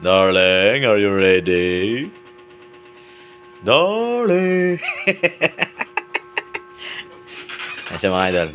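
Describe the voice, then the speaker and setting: A man's voice: low voice, expressive, a bit bright, soft background music. A man filming a playful home vlog, teasing and chatty, often stretching his words into sing-song calls. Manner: teasing, playful, repeats "guys" and "idol"; sing-song drawn-out calling. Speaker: vlogger. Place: inside a home.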